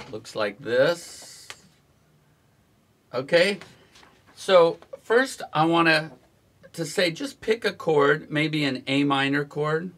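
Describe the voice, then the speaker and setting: A man teaching guitar strumming in a relaxed, instructional way, counting the beats aloud as he plays. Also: on the high side. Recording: guitar playing behind the voice.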